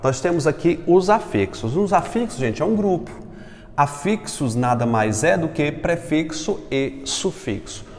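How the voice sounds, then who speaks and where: A man from Brazil, a Portuguese teacher, giving a recorded class, lively, asking and answering his own questions. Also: fairly high pitch, a little slow, in a large hall, slight background noise.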